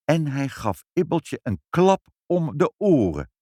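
A man's voice: fairly high pitch, slow, no echo, clean studio sound. Een man die expressief een kinderverhaal voorleest. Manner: expressive, animated storytelling. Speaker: storyteller. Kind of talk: children's story reading.

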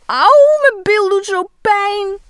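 A wailing little boy clown in a storybook, as a woman puts him on. He yelps high and loud, his voice leaping around. Dry, close sound. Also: sing-song, takes it slowly, no room sound. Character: boy clown pretending to be sick, whiny.

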